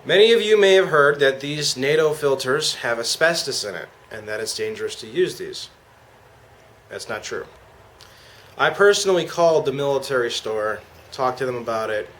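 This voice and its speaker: A man's voice: mid-range voice, fairly bright tone. A man giving a casual, slangy product demonstration as an amateur reviewer. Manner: informal, slangy. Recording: clear background noise.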